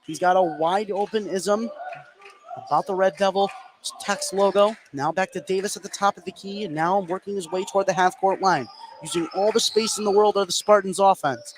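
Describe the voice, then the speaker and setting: An American man calls live basketball play-by-play as the radio commentator, his high voice moving at normal speed. Noisy gym ambience sits behind his commentary.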